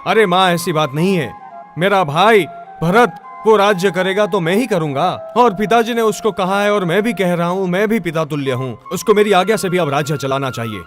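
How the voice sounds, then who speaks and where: A male preacher tells a religious story in a sermon, speaking with a high-set voice. His delivery is expressive, often slipping into acted voices for the people in the story. Faint music sits underneath. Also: moderate pace, hardly any pauses. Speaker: Jain monk preacher.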